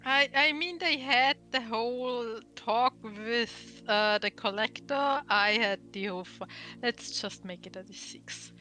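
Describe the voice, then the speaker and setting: A woman with a high, bright voice chats casually in a tabletop game. She speaks slowly, with faint music behind her.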